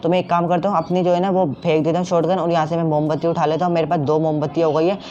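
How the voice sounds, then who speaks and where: A man's voice: fairly high pitch, flat delivery, rapid-fire, darkish tone. A young man commenting on a horror game as he plays, jumpy and full of repeated fillers and startled outbursts. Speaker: gameplay streamer. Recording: dull lo-fi sound with game music.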